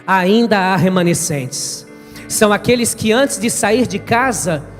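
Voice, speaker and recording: A male pastor preaching a lively sermon, acting out scenes and voices and rising to shouts at the peaks. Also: sits high, measured pace, big-room sound, soft background music. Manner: fervent, acts out biblical dialogue, shouts climaxes. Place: church service.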